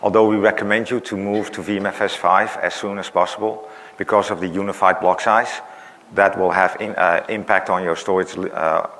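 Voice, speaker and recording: A man's voice: sits low, steady tone, moderate pace, fairly bright tone, slight background noise. A man giving a technical conference talk who is losing his voice, explaining with many "uh"s and "right?" tags. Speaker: conference presenter. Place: large conference hall. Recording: reverberant conference hall.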